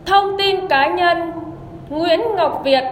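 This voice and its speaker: High-pitched woman announcer over echoing public loudspeaker. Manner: measured, deliberate official reading. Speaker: commune public radio announcer. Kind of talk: formal scripted public announcement. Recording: echoey loudspeaker, long reverb, background noise.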